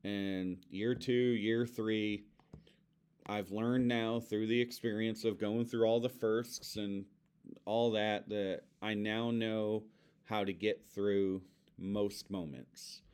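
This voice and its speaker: Smooth-voiced low man reflecting on grief. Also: fairly even intonation, slow pace. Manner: earnest, reflective, speaks softly of his son. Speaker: podcast co-host, bereaved father. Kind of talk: reflective conversation about grief.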